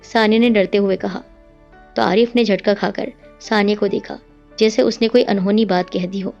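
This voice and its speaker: A woman reads a dramatic story aloud in a steady storyteller's voice. Her pitch sits in the middle of the range. Soft music plays faintly behind her. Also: gravelly, muffled recording. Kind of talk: scripted story narration.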